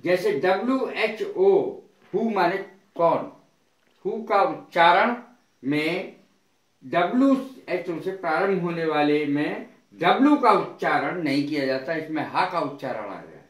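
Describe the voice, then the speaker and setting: A man teaching an English lesson, speaking deliberately and spelling words out letter by letter. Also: a little high, lively intonation, echoey room. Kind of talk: spoken language lesson.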